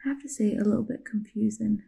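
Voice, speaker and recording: A young woman talks through a hands-on craft demonstration in a small room, recorded close on a phone. Her voice has a slight gravelly edge and a middle-height pitch. She chats casually, often pausing and rephrasing as she thinks aloud. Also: steady tone, dark tone. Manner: chatty, self-correcting, thinking aloud. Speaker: craft tutor.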